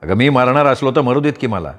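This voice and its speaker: A man voicing a brooding middle-aged village landlord who speaks in steady, measured tones. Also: mid-range voice, lightly acted. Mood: pleading. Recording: long reverb.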